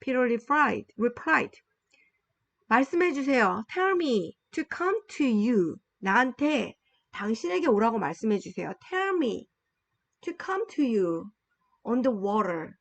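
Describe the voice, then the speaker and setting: A woman teaching a Bible-based English lesson. She explains in Korean and reads English sentences slowly and deliberately, repeating phrases for learners to follow. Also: a little high, sing-song, gravelly, no room sound.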